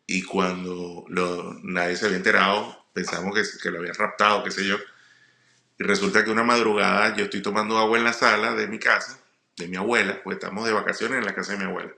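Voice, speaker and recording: A middle-aged comedian and guest speaker from Puerto La Cruz in eastern Venezuela tells personal stories in an informal monologue, often halting and repeating words. His Venezuelan-accented voice is lowish, gravelly, and sharp in tone, and the recording has a roomy echo.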